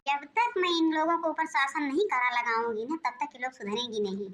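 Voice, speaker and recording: A domineering old mother-in-law, voiced by a woman, who shouts and taunts in a high, piercing voice. She scolds everyone around her with scornful, bossy sarcasm. It is a cartoon family comedy performance. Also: a little fast. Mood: scolding. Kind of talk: cartoon voice acting.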